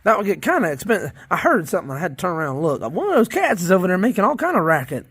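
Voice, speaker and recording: Very fast and breathy-edged, this man's high, slightly bright voice swoops wildly in pitch as he vlogs about his worm bins. A worm farmer from the Southern United States, he chats casually and folksily, rambling, repeating phrases and restarting often.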